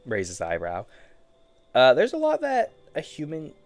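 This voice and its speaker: A man's voice: a little high, huge pitch swings, a little slow, faint music behind. A man giving casual solo commentary while he plays a game, rambling to himself in a playful, easily amused way. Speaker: gaming streamer.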